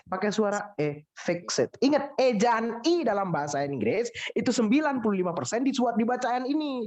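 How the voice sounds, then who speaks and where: A woman teaching English pronunciation to a class, lively and teasing, drilling words over and over. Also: on the high side. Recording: dull lo-fi sound.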